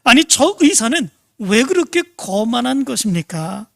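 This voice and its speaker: A frantic, furious father bursts out in accusing shouts, his voice gravelly and dry, put on by a preacher telling the story. He talks over everyone, demanding answers, and is close to the mic. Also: medium pitch, sing-song, measured pace, dry recording, heavily acted. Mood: angry, shouting. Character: angry father of a boy in surgery.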